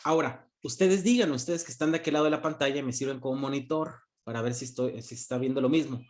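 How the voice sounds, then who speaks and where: A man's voice: medium pitch, quick pace. A man, a university economics teacher giving an online class, joking and answering his own questions. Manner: joking, asks questions and answers them himself.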